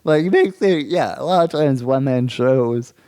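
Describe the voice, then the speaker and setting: Rambling, excitable male podcast co-host. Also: mid-range voice, moderate pace, clear, resonant tone. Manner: rambling, excitable, lots of restarts. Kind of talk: casual chat.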